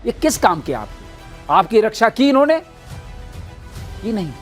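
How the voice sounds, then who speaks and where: A man with a high, very animated voice explains things as a guest expert in a televised debate. He lays out his points emphatically, one by one. Faint music runs behind the studio talk. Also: normal speed. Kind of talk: TV news debate.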